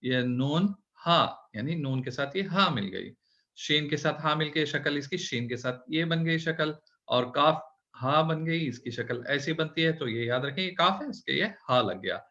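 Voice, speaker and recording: A male teacher walks beginners through letter shapes, patient and methodical. His voice is bright and forward. The recording sounds dull and lo-fi. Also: on the high side, lively intonation, unhurried. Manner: patient, explaining step by step, opening with prayers. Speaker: Urdu teacher. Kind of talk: online language lesson.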